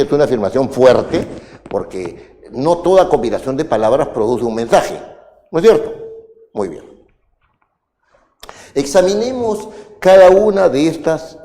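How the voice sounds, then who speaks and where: A man lecturing a classroom with a lively, rising and falling delivery. His tone is dark and mellow, and a long reverb from the room trails after his words. He keeps stopping to ask his students if they follow. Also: on the high side. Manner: questioning, checks understanding with "¿no es cierto?". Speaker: law school instructor.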